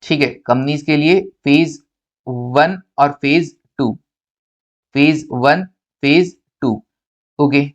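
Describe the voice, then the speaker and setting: A man from India giving a playful, teasing accountancy lecture, posing questions and then answering them himself. His voice sits slightly high, and the recording sounds dull and lo-fi. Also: extremely slow, long pauses.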